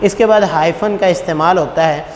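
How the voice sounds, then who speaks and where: Man as a patient schoolteacher, booming reverb, faint background hiss. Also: normal speed. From Pakistan. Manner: patient, poses rhetorical questions, calls students "beta". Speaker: teacher. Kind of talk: classroom lecture. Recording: echoey room with long reverb, faint noise.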